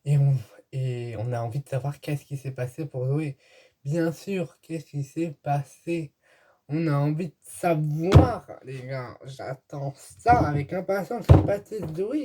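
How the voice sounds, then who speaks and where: A man's voice: on the high side, animated, unhurried, heavy background noise. A man giving a casual, rambling video review to his viewers, chatty and hesitant, filmed indoors at home. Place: indoors at home, dim light.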